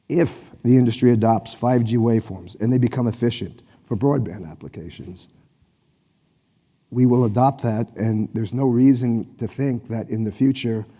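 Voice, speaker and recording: Hoarse man on a panel in a hall. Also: mid-range voice, dark tone. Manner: technical, clears throat often. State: hoarse, lost his voice. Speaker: panelist, satellite operator executive. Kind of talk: industry panel discussion.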